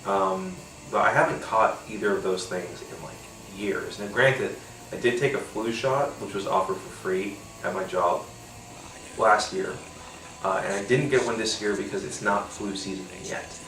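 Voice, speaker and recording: Animated and talking at normal speed, this podcast host has a fairly low voice that comes across pushed and bright, plus a nasal, congested quality from a cold. Tasting a beer solo, he rambles with many fillers and casual swearing. The rough audio is roomy and distant, with a little hiss or hum.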